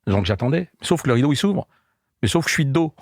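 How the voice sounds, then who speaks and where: A man in his sixties, a comedian and guest, telling animated anecdotes in casual chat and acting out the people he quotes. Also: medium pitch, fast, no echo, clean studio sound. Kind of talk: casual storytelling.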